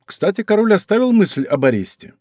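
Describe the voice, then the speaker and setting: A man voicing a bold, teasing musketeer captain who talks in a brisk, rough-affectionate way. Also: high voice, big pitch swings, darkish tone, dry recording, clean studio sound, pitched above the performer's own voice. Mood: bantering.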